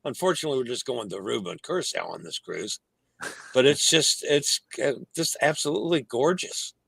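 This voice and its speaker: A man's voice: medium pitch, big pitch swings, a little fast, creaky, a bit bright, breathy edge, no echo. A man chatting casually as a guest who shares his travel experience. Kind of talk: casual chat.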